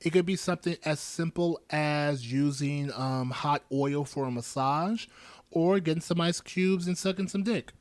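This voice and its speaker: Relaxed joking man on a dry mic. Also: a little high, a little slow, dry recording. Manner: relaxed, joking, trails off with fillers. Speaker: podcast co-host. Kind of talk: casual podcast chat.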